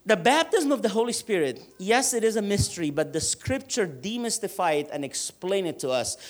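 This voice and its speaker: Man preaching a sermon. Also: high-pitched. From Egypt. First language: Arabic. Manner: earnest, emphatic with slow drawn-out stresses. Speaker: pastor.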